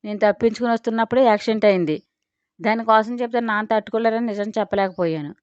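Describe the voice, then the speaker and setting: Megha, a woman playing a shrill, lying young woman. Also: rapid-fire, smooth, no echo, natural voice. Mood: pleading. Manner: shrill, shouting. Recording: dry, dull lo-fi recording.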